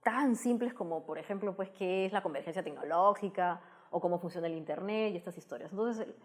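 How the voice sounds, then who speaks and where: Her voice is fairly low and somewhat dark, and she talks fairly quickly. She's a tech communicator guesting in an interview, answering at length in a Peruvian Spanish accent, thoughtful, with frequent restarts and tag questions.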